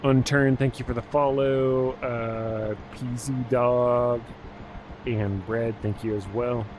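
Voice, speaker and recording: A man in his thirties from Alaska, chatting in a relaxed, rambling way with many fillers while streaming a game. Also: mid-range voice, slow pace, noisy background. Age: 30s. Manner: rambling, laid-back, many fillers and restarts. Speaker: gaming streamer. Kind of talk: casual live-stream chat while playing.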